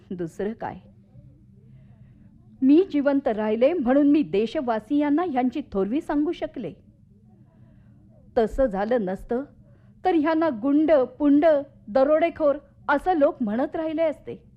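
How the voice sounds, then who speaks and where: A devoted, anxious wife in a radio drama, gentle and pleading as she answers her husband. Her voice sits fairly high. The recording has the dull, lo-fi sound of an old broadcast. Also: expressive, takes it slowly, pauses often. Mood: reflective. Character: devoted young wife, later an elderly narrating widow.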